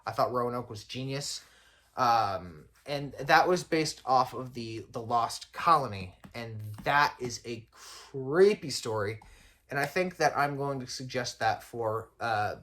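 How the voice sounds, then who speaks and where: A man's voice: mid-range voice, animated, measured pace, pushed and bright. A young man hosting a podcast at home, reading aloud and drifting into rambling, self-interrupting chat with frequent chuckles. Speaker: podcast host.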